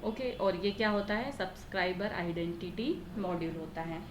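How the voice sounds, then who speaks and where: With a fairly low-pitched voice at a moderate pace, a female computer teacher from India walks through a lesson in Hindi sprinkled with English terms. She frequently poses questions and answers them herself, in an echoey room with faint background noise.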